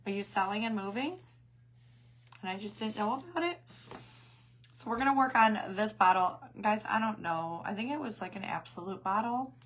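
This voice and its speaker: A woman with a hoarse, failing voice that cuts in and out, chatting casually as she hosts a craft livestream and greets her viewers. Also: medium pitch, lively intonation, moderate pace, a little hiss or hum. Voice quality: hoarse, voice cutting in and out. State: losing her voice after coughing.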